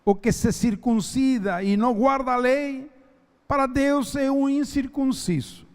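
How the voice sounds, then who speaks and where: A man's voice: very high-pitched, fairly even intonation, a little slow, smooth, big-room sound. A man preaching a sermon and reading scripture, emphatic and drawn out. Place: church.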